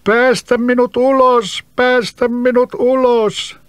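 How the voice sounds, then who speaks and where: A man voicing a huge, scheming male spirit trapped in a bottle, calling out in slow, drawn-out phrases in a storybook reading. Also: level tone, roomy sound, big-room sound. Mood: pleading. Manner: slow, drawn-out, booming calls.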